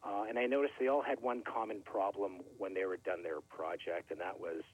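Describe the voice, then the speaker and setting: A man's voice: fairly low pitch, fairly even intonation, fairly quick, husky. A middle-aged man from Canada, a record label owner, talking casually as an interview guest, friendly and full of fillers. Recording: tinny phone line, dry.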